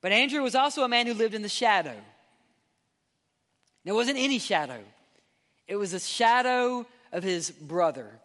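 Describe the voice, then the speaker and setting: A man preaching a sermon as pastor, with impassioned delivery that climbs to loud high peaks and sinks to soft endings. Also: lively intonation, moderate pace, pauses often, long reverb tail.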